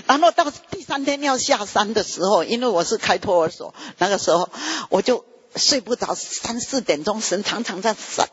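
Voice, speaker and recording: A man preaching an emotional testimony sermon, his pitch jumping high as he tells it. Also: lively intonation, normal speed, a bit bright, husky. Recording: dull lo-fi recording.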